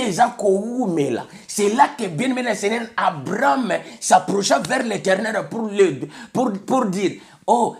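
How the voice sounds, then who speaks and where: This high-pitched, creaky male voice belongs to a preacher from Congo speaking French with a Congolese accent. He delivers an emphatic sermon, moves between French and Lingala, and keeps coming back to the phrase "bien aimé le Seigneur."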